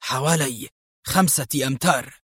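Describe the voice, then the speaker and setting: A man's voice: mid-range voice, normal speed, fairly bright tone, slightly rough, no room sound, clean studio sound. A man voicing a nervous, frightened male companion in an audio story, asking worried questions. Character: anxious frightened middle-aged male companion.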